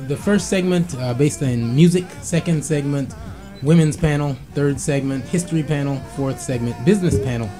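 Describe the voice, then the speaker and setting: A man hosting a casual radio talk show from a small studio, relaxed and halting, with many fillers. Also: on the high side. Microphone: studio mic with headphones. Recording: music playing in the background.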